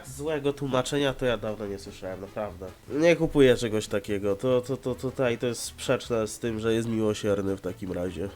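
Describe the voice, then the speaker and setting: A man's voice: on the low side, normal speed, hardly any pauses, a little mellow. A man with a slightly stuffed-up, nasal voice giving casual, blunt and sarcastic reaction commentary. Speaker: host of a reaction video.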